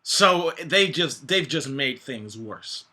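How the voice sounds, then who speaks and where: A man giving a casual, rambling movie review in slangy, profane language, often halting and groping for words. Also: mid-range voice, animated, bright, forceful tone. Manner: halting, groping for words with many false starts.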